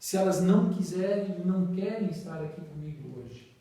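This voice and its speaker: A man with a Brazilian Portuguese accent gives a slow, measured spiritist talk, his phrase ends fading away. His voice sits fairly high for a man, yet sounds dark and mellow. He is heard from across a strongly echoing room. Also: animated, distant mic. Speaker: spiritist study leader.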